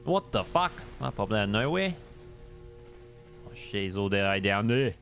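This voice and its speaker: A man's voice: fairly low pitch, animated, moderate pace, a bit bright, soft background music. A young adult man, chatting casually on a gaming live stream, rambling laid-back and swearing at the game.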